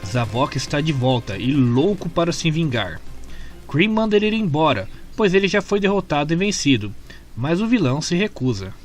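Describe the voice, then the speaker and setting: Speaking at a normal speed, a Brazilian man gives an expressive narration of a scripted story recap. His fairly high voice moves through wide pitch swings, and guitar music can be heard clearly in the background.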